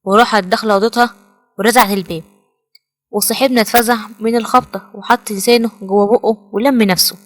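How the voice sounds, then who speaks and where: Rapid-fire Egyptian Arabic woman narrator. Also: mid-range voice. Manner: lively, colloquial. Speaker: story recap narrator. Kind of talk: fast storytelling recap.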